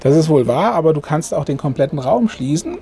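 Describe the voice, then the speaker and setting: A man's voice: animated, a little fast, warm tone. A middle-aged man, a sales manager, walking an interviewer through a camper van with lots of ähm fillers, recorded close inside the van at a trade fair. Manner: pitching, filler-heavy with frequent ähm. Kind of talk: product walkthrough.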